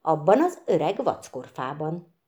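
Female reader voicing a confident frog prince, slow and welcoming, rather low-set. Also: highs cut off. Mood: friendly. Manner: calm, hospitable, measured. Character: kindly, self-assured frog prince host.

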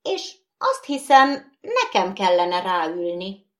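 A woman's voice: mid-range voice, huge pitch swings. A woman voicing a nervous, vain porcelain doll in a storybook reading, prim and easily indignant. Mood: eager.

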